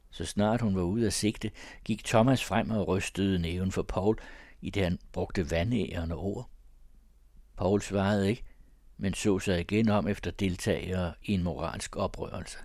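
A man narrating literary fiction aloud in a measured storytelling manner. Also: deep voice, darkish tone, no echo, clean studio sound.

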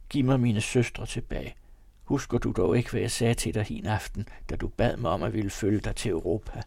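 A man's voice: mid-range voice, gravelly, darkish tone, dry recording, studio quality. A man voicing a grieving young foreign wife who pleads tearfully with her husband in a read-aloud novel.

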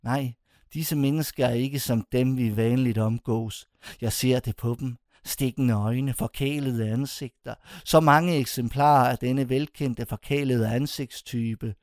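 A man narrating a first-person literary story with lively expression, his voice rising sharply whenever the narrator grows indignant. His pitch sits in a middle range for a man. The recording is close and dry, with no room sound. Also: no echo. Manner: expressive, voice climbs high when indignant.

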